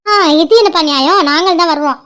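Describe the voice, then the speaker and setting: A woman's voice: extremely high pitch, quick pace, a bit bright. Woman doing a breezy, teasing cartoon girlfriend. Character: cheerful young woman in love, teasing friend. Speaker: friend on an outing. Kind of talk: animated cartoon voice acting.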